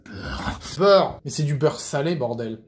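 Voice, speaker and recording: A man's voice: high voice, expressive, normal speed, noisy background. A young man filming a chaotic cooking vlog in his home kitchen, rambling, swearing constantly and mocking himself as he improvises a recipe. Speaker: cooking vlogger.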